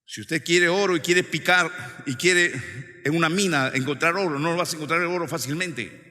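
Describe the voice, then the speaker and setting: A pastor delivers a fiery sermon, his voice rising to loud cries and sinking to low, drawn-out asides. He speaks a little high for a man, with a sharp, piercing brightness. The sound rings with the long reverb of a large hall. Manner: preaching with big swings from loud exclamations to low, slow asides; calls listeners "hermano" and "hijo".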